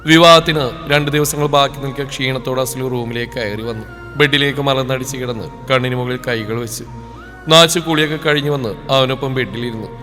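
A man narrating a novel in a calm, even storytelling voice. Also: mid-range voice, brisk. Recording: reverberant room with background music.

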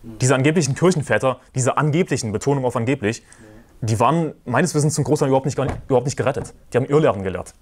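A male preacher delivers a sermon with a combative, forceful edge. He hammers his points home and repeats references for emphasis, and his voice sits at a mid pitch. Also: very fast.

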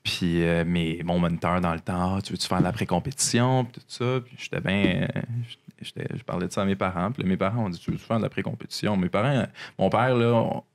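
Gravelly low-voiced Québécois man in his twenties. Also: fast. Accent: Québécois French. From Montreal, Quebec. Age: 20s. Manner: rambling, many fillers and restarts. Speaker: podcast guest, alpine skier. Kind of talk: casual storytelling. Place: apartment room at a table. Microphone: desk microphone.

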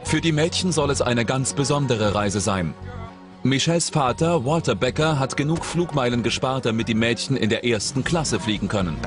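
A man narrating a documentary in a measured, suspenseful tone, his mid-pitched voice recorded cleanly in a studio. Dramatic music plays clearly beneath his scripted voice-over.

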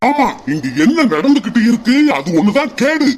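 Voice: medium pitch, sing-song, moderate pace, heavy background noise, natural voice. A performer voicing an angry middle-aged businessman father with a Kanyakumari Tamil accent, ranting about his losses. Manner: ranting and lamenting.

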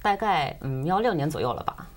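A teenage young man, a foreigner speaking Mandarin as a learned language with a crisp, very standard northern accent, answering as a studio guest. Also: on the high side, very animated, brisk. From born to an Iranian family, schooled partly in Lanzhou, China. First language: not a native Mandarin speaker. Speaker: guest singer. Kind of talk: casual interview answers. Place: TV studio at a round desk.

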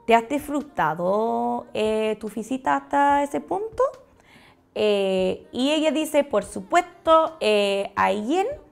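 Slow, gravelly teacher speaking Spanish. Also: female voice, mid-range voice. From United States. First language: English. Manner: explains slowly and clearly, repeats phrases in English then Spanish. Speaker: English teacher. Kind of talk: online language lesson.

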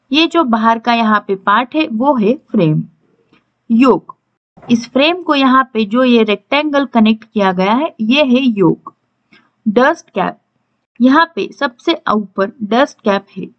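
A woman with an Indian accent teaches electronics in a voice-over on slides, reading out points and explaining them one step at a time. Her voice is slightly high, and the recording sounds muffled.

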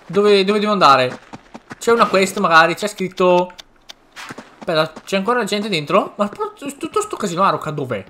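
A man's voice: high voice, fairly bright tone. A man commenting casually and animatedly over a game he is playing, exclaiming and joking. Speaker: gaming video creator. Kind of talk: let's play commentary.

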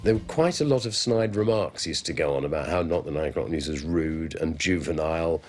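A man looks back on a comedy series in a relaxed documentary interview. He talks chattily with lots of fillers. His voice sits low. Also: fairly quick, soft background music. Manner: chatty, filler-heavy recollection. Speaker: interviewee, former show insider.

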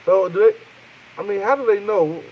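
A comedian talking live to his viewers in a loose, profane, riffing banter, shouting out names and joking. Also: high voice, moderate pace, slightly rough, dull audio. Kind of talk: rambling live-stream chat.

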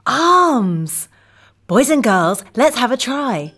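A young woman hosting a children's show, teaching words with exaggerated, playful delivery and slow, clear repetition. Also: a little high, very animated, a bit bright. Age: young adult. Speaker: kids show host. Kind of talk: children's English vocabulary lesson with acted exercise skits. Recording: music behind the voice. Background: children's music.

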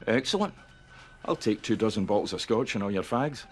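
An actor playing a jovial, chancing shop customer with a Scottish accent in a TV sitcom. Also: male voice, fairly low pitch, lively intonation, brisk, background noise, lightly acted. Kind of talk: sitcom acting.

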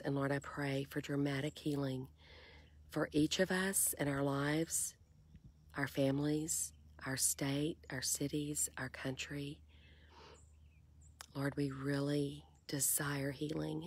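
An older woman speaks softly and musingly, often dropping to a breathy half-whisper. Her voice sits very low and stays flat, with a husky edge. She talks slowly, like a quiet devotional vlog recorded on a phone held at arm's length outdoors. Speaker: faith vlogger. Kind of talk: casual devotional vlog and prayer. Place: on a kayak on a lake outdoors.

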